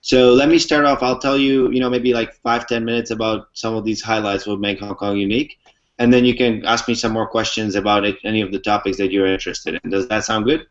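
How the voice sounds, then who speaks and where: On a muffled, lo-fi recording, a young Czech man appearing as an interview guest talks a little fast in a fairly low, flat voice. He explains things casually and fluently, step by step, with plenty of "um"s.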